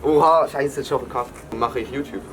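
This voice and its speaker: Hosting a laid-back guessing game, this Swiss German-accented YouTuber trades teasing, playful banter in a mid-range voice at normal speed. Faint music plays behind him, amid a noisy background of vehicle sounds.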